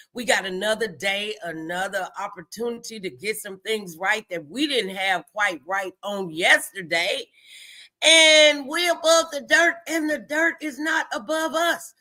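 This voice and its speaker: With a high, sharp-toned voice, an American woman leads a motivational morning live show. She encourages her audience emphatically with a faith-filled message, repeating phrases for effect.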